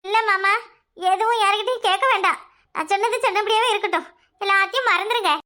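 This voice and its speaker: A woman voice actor speaking a southern Tamil Nadu village dialect plays a sly young newlywed in a cartoon, complaining in a teary, sing-song, self-pitying way. Her voice is very high, bright, and forceful, with fairly even intonation and a fast pace.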